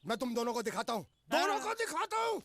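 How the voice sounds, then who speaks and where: A blustering, fawning house manager in a film comedy, quick to threaten those below him. His voice is very high, with a faint hiss behind it. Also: a bit bright.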